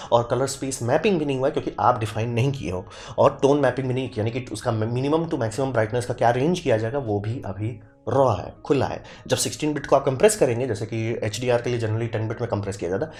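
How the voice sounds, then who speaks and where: A man casually explaining camera video formats to viewers, talking quickly and addressing them directly. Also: mid-range voice, darkish tone.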